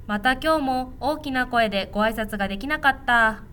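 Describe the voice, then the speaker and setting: A woman's voice: on the high side, a little fast, sharp tone, a little hiss or hum. A woman voicing a shy little boy. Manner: small, shy voice.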